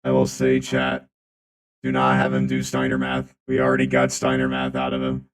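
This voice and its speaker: A male streamer whose voice runs through a booming, deep, metallic robot voice changer, rambling and repeating phrases in casual chat. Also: monotone, moderate pace.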